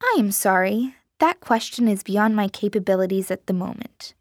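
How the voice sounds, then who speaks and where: A flat, mechanical smartwatch assistant, as a woman reading a story puts it on, polite yet cold, in a medium-pitched voice. The recording is dry and close. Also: moderate pace, no echo, close to an everyday voice.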